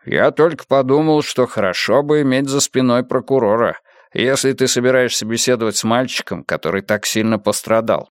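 A man's voice: mid-range voice, a little fast, clear, resonant tone, dry recording, studio quality, close to an everyday voice. A man voicing a blunt, cautious male police chief who can turn exasperated. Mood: measured. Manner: blunt, then exasperated shouting.

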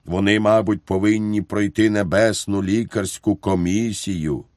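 A man voicing a calm, deferential army chauffeur who speaks matter-of-factly. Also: on the low side, unhurried, no room sound, studio quality, close to an everyday voice. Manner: calm, matter-of-fact, polite.

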